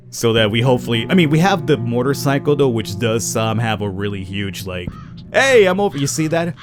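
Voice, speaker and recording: A man hosting a casual gameplay commentary, talking animatedly to himself and to the items in the game as he plays. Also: mid-range voice. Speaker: gaming channel host.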